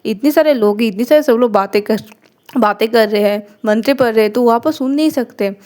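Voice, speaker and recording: A woman tells a story in a loose, chatty storyteller's way, with a high voice. She often restarts and repeats herself as she goes along. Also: a little fast, a little mellow. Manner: conversational, filler "ना", repeats and restarts. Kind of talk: casual spoken story narration.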